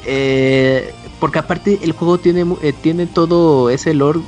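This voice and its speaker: Mexican man, slightly high voice, casual game talk. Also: steady tone, takes it slowly, a little mellow, faint music behind. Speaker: video game podcast panelist. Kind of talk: casual chat about video games.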